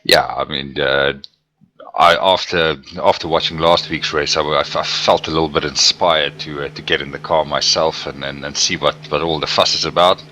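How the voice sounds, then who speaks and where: Very deep-voiced hesitant male co-commentator. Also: steady tone, normal speed, sharp tone, low-quality recording. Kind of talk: casual live sim racing commentary. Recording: faint background noise.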